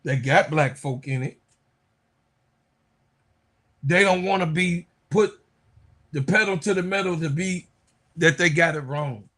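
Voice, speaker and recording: A man's voice: on the high side, a little slow, long pauses, a bit bright. A man co-hosting a podcast, arguing heatedly about basketball with emphatic, repetitive, preachy points. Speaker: podcast co-host. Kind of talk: heated sports debate.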